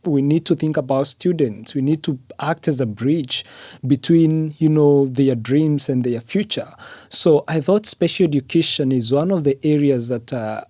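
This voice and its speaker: A Kenyan graduate student whose first language is Swahili speaks earnestly as a podcast guest in an interview conversation, with a Kenyan accent and frequent fillers like "uh" and "you know". His voice is a little high and warm, recorded cleanly in a studio with no echo.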